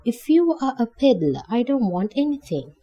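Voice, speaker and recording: A woman's voice: fairly high pitch, big pitch swings, moderate pace, warm tone, slightly rough, muffled recording, voice pushed up. A woman voicing a frail, bedridden old woman who speaks in a quavering, plaintive, folksy way. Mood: wary.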